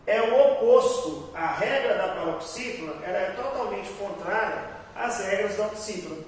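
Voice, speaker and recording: A man's voice: high-pitched, moderate pace, fairly bright tone. A man with a Brazilian Portuguese accent teaching grammar in an online class, explaining patiently and often checking in with the class. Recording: very echoey room, voice far from mic, faint hiss.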